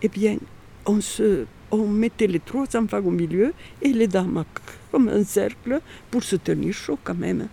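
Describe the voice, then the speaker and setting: A woman's voice: mid-range voice, a little slow, gravelly, dark tone, slight background noise. An older woman from Catalonia with a Catalan accent, recalling her past in a chatty, hesitant way with many fillers. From Catalonia, Spain. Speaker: interviewee. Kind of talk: casual recollection.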